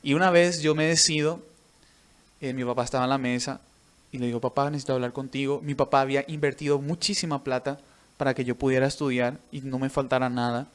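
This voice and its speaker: A missionary preacher and musician describes his faith experience in an interview, his medium-pitched voice brisk and smooth with fairly even intonation. The delivery is an earnest narrative peppered with "right?" as a questioning tag.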